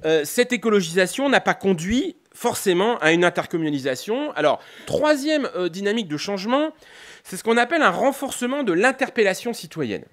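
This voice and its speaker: A political scientist and university lecturer gives an analytical, semi-improvised academic lecture. His high-pitched, very animated voice moves briskly, but he often hesitates, breaks off and rephrases, punctuating it all with rhetorical tags.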